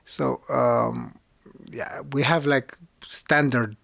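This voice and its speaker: A man co-hosting a casual podcast who teaches music, talking in halting bursts with frequent restarts. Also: medium pitch, fairly even intonation, gravelly, a bit bright, dry recording. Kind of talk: casual conversational podcast chat.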